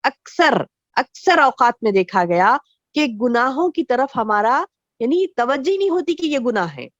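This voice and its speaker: A woman religious teacher giving a lecture to women, explaining slowly with repeated phrases and rhetorical questions. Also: high-pitched, sing-song, no echo, lo-fi sound.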